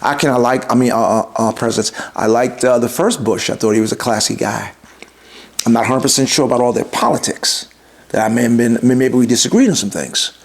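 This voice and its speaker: A man's voice: medium pitch, fairly quick. A man hosting his show, giving an emphatic opinion monologue, repeating himself for stress and firing rhetorical questions at his listeners. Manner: talks straight to the audience with rhetorical questions. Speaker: podcast host.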